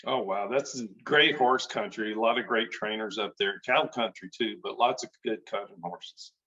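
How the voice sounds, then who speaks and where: A man hosts a casual interview in a lowish voice at a moderate pace, his tone sharp with a breathy edge. He sounds friendly and enthusiastic, often repeating and restarting his words. The recording has a dull lo-fi sound.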